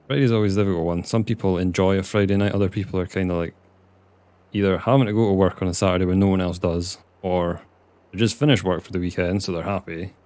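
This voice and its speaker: Low and smooth with a darkish tone, this young man from Scotland talks fast with fairly even intonation. It's casual live gameplay chat: he's streaming a farming game, chatty with his viewers, reading out their messages and muttering at what's on screen.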